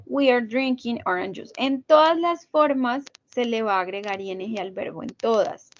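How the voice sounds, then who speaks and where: Over lo-fi video call audio, a woman with a slightly high voice teaches an online English grammar class at normal speed, patiently explaining each step and checking in with her students.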